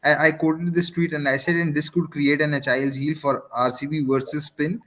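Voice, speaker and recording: A man with an Indian accent chatting casually about sport live, haltingly and repeating his phrases. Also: a little high, level tone, fairly bright tone. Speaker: cricket watchalong panelist.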